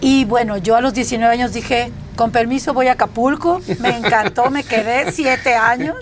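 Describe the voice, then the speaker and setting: In a relaxed interview chat, a chef and restaurant founder from Mexico shares anecdotes about her life as a guest. She is middle-aged, with a fairly high voice at normal speed, and there is slight background noise.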